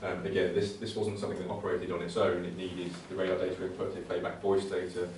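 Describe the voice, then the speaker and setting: At a computing conservation talk, an indoor-venue presenter speaks fast in a low, even voice, giving an informal technical presentation with slides. His manner is hesitant and conversational, with repeated words. A distant mic leaves the audio very echoey with a faint noise floor.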